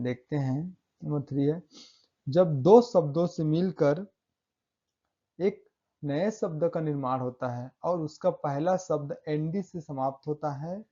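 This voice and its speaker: A man teaching English pronunciation rules in a classroom style. He repeats example words slowly and stresses them hard. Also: a little high, warm tone, muffled recording.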